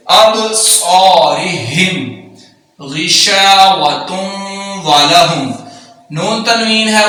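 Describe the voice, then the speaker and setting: High-voiced man teaching recitation in an echoey room. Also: sharp tone. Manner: alternates quick explanations with slow drawn-out recitation of verses. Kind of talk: tajweed lesson, explaining and reciting slowly. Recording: very echoey room, distant mic.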